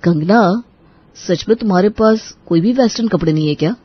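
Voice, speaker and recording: A woman voicing an easygoing, modern young husband in a cartoon, coaxing and relaxed. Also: medium pitch, brisk, husky, no echo, muffled recording, lightly acted.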